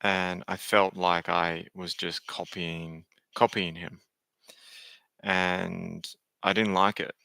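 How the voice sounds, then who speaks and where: Halting, low-voiced man live streaming. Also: flat delivery, vocal fry, pushed and bright, smooth, no room sound. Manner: hesitant, halting, candid with many restarts. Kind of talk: casual live stream chat.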